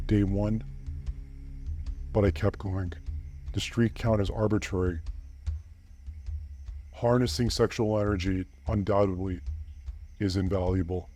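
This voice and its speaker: A man speaks through a pitch shifter that drops his voice deeper and darker. His tone is mellow and low. He delivers an earnest, preachy scripted monologue over faint background music. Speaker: channel host.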